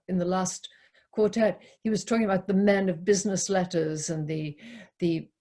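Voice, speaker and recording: On an online video call, a woman leads a poetry discussion, offering reflective, unscripted teaching commentary. Her lowish, warm voice carries vocal fry, and she speaks in short, deliberate, halting phrases with pauses between them.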